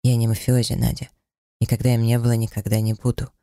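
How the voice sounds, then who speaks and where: A man voicing a brooding, bitter young heir in an audiobook, speaking gravely. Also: mid-range voice, completely flat delivery, quick pace, warm tone, no room sound, studio quality, natural voice. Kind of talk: audiobook character reading.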